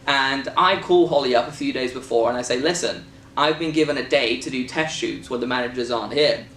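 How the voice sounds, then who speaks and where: A man's voice: medium pitch, brisk, fairly bright tone. A British man chatting casually and jokily about a film shoot, rambling with lots of fillers. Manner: rambling, jokey, many fillers. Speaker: filmmaker and co-host. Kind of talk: casual chat. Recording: echoey room from a distance with faint noise.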